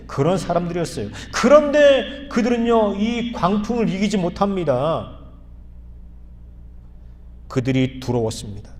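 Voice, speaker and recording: A man preaching a sermon as pastor, earnest and repeating phrases for emphasis, often rising to loud pleading. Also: a little high. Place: church sanctuary. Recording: hall reverb.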